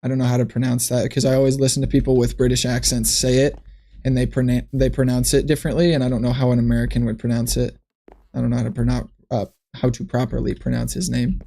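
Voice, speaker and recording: A man's voice: medium pitch, level tone, quick pace, vocal fry, dark tone. A man streaming from his computer, thinking aloud in a loose, rambling way with frequent restarts as he chats to viewers. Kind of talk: casual livestream chat.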